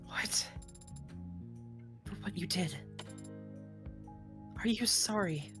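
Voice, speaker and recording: A woman's voice: on the low side, lively intonation, drawn-out words, over music. Woman alternating two character voices, one whispered. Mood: tense. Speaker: streamer voicing game characters. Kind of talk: reading game dialogue aloud.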